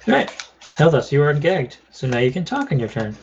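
A man's voice: on the high side, very animated, quick pace, breathy edge, dull audio. A man narrating a tabletop game as game master, talking loosely with fillers.

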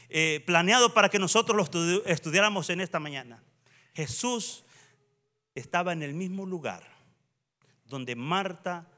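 A male pastor preaching a sermon in a church, swinging from hushed reading to fervent, raised exhortation. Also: on the high side.

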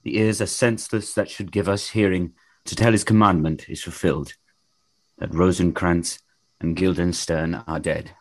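Guy playing a grave ambassador, really deep, dry close sound, shakespeare verse. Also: fairly even intonation, moderate pace, no room sound. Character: grave foreign ambassador bearing late news. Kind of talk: Shakespearean tragedy acting.

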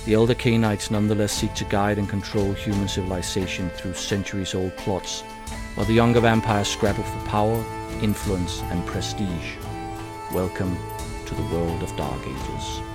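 A man voicing an ominous, portentous narrator in a scripted dark-fantasy podcast intro. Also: lowish voice, steady tone, normal speed, music in the background, voice pushed down, lightly acted.

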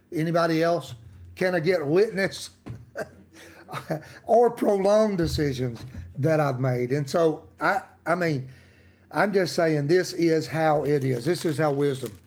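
A man's voice: on the high side, darkish tone. Folksy, emphatic man preaching casually. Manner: folksy, emphatic, with frequent laughs and call-and-response asides. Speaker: pastor giving a daily devotional.

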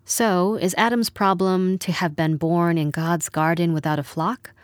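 A woman narrating a literary story in a measured, wry storytelling manner. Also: fairly low pitch, fairly even intonation, dry recording, studio quality. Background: music.

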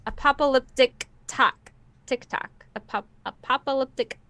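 A woman's voice: high-pitched, a little slow, bright, forceful tone, no echo. A woman in her late twenties co-hosting a casual podcast chat, laughing often and tripping over her words. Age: 20s. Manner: giggly, stumbling over words. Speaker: podcast co-host.

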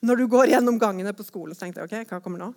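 A woman giving a personal testimony, telling her story in a lively way and acting out her own thoughts as quotes. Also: medium pitch.

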